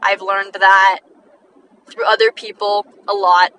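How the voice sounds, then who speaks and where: Chatty teenage girl, bright voice. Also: mid-range voice, flat delivery, recorded from a distance, a little hiss or hum, rough recording. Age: teens, sixteen. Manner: chatty, many likes, quick laughs, self-deprecating. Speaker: podcast host. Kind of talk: rambling casual monologue.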